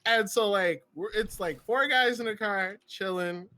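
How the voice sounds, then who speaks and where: A man's voice: sits high, a little slow, pushed and bright. A young man hosting a casual podcast chat, telling stories and laughing often as he acts out quoted lines. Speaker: podcast host.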